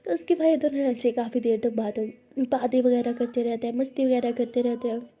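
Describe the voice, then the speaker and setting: Warm husky woman telling a love story. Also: a little high, fairly even intonation, a little fast. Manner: plain, conversational retelling. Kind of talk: casual story narration.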